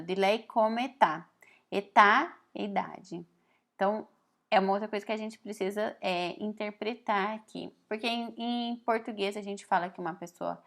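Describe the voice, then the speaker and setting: Teaching Italian at an easy pace, a woman from Brazil reads phrases aloud and explains things slowly, often adding the tag question "né?". She speaks at a medium pitch in this relaxed lesson.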